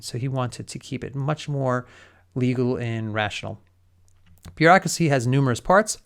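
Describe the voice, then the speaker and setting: Male college lecturer, conversational explainer, gravelly resonant voice. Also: mid-range voice. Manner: conversational, addresses listener directly with everyday examples.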